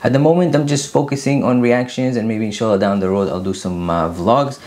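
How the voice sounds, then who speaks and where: A man in his thirties from Afghanistan, hosting his own channel and answering viewer questions in a casual, earnest way with many pauses. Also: medium pitch, darkish tone. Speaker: YouTube channel host. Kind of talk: casual Q&A to camera. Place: small room indoors. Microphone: camera at desk distance, seated.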